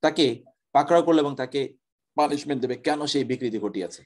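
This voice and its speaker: A male professor giving a classroom lecture, explaining step by step and slowly reciting Arabic words as examples. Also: a little high.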